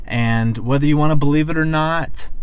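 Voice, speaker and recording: A man's voice: a little high, moderate pace, clean tone, no echo. A man in his thirties talking to camera from his parked car at night, an earnest, motivational weight-loss vlogger and coach. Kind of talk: casual talk to camera. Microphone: camera on the dashboard, close framing.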